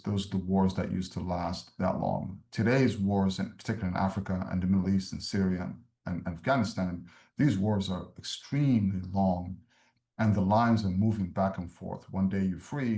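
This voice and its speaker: A man from Somalia speaks in a low, dark voice, laying out points in a measured, explanatory way with frequent ums. He sounds like he is in a roomy, echoey space. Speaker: refugee services speaker. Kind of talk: webinar presentation.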